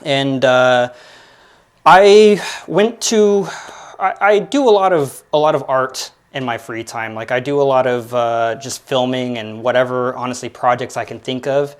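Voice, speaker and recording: A man's voice: mid-range voice, measured pace, clean tone. Rambling young man hosting a podcast. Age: 20s. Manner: rambling, filler-heavy, self-deprecating. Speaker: podcast host. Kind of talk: casual solo commentary.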